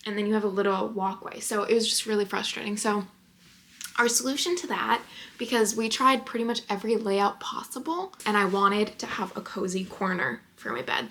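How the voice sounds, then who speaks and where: A woman's voice: mid-range voice, a bit bright. A woman in her early twenties vlogging casually in a small apartment bedroom, chatty and rambling with lots of filler likes. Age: early 20s. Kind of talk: casual chat to camera.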